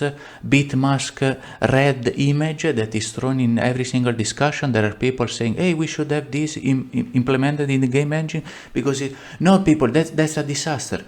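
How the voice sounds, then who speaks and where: A man with an Italian accent giving a casual software tutorial, rambling and blunt, with many fillers and self-mocking asides. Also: mid-range voice. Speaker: tutorial maker. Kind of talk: casual screen-recorded tutorial.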